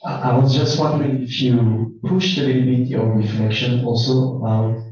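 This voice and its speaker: A man's voice: mid-range voice, steady tone, moderate pace, darkish tone. A man from France with a French accent, hesitantly and thoughtfully asking a question from the audience, searching for words. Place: lecture room, picked up from afar. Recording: distant, very echoey hall, muffled.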